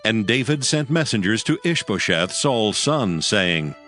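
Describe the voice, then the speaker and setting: Man, low pitch, scripted scripture narration, measured delivery, formal, faint background music. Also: very animated, fairly bright tone.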